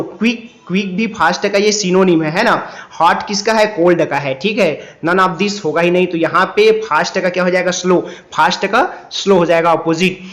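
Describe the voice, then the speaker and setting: A man with a Chhattisgarhi Hindi accent, working through exam answers as a coaching teacher. He keeps adding "है ना" and "ठीक है" and reads English questions slowly. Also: high-pitched, a bit bright. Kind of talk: exam answer walkthrough lesson.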